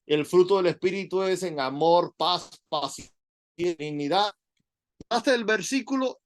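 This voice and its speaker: A middle-aged man, preaching a sermon in an animated, conversational way full of rhetorical questions. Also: high voice.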